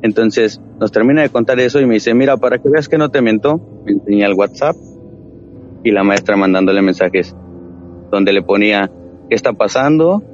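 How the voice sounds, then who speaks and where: A man telling a true ghost story from his family, in a casual, animated way, acting out what his relatives said. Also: lowish voice, normal speed, highs cut off, soft background music. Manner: animated retelling with quoted voices.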